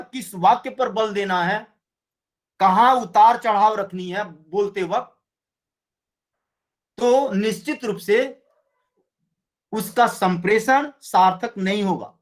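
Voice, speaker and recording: A man teaching a Hindi grammar lesson, explaining slowly and often checking with his students. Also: sits high. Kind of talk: classroom lecture.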